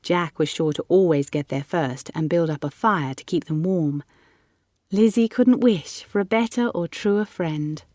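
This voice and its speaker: A woman narrating a short story audiobook in a measured storytelling manner. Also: lowish voice, darkish tone, no echo, studio quality. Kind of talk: scripted narration.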